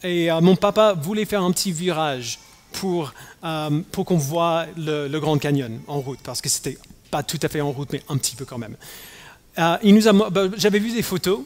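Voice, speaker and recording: Man, pastor, raised in the US; halting sermon delivery full of restarts; long church-hall reverb. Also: fairly high pitch. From United States. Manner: halting, many fillers and restarts.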